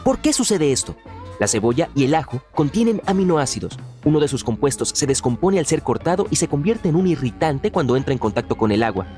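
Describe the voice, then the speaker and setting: A man narrates a short scripted trivia spot, explaining things in a lively way. His pitch swings a lot and sits slightly high. Soft music plays underneath.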